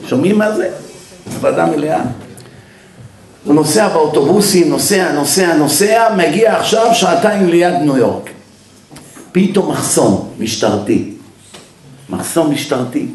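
A rabbi tells a story in a Torah lecture, his voice pitched a little high for a man. He acts out the lines of each person in his tale. The room around him has a clear echo. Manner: animated storyteller who acts out the dialogue. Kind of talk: storytelling sermon.

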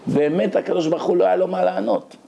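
A man's voice: sits high, fairly even intonation, vocal fry, dark tone, dull audio. A man giving a Torah lecture, telling stories animatedly and firing rhetorical questions.

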